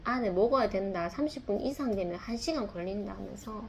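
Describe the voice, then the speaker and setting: A woman's voice: medium pitch, expressive, brisk, creaky, slight background noise. A woman, a mother, telling a reflective personal story in a confessional, rambling way, full of fillers and restarts. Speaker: mother sharing a testimony.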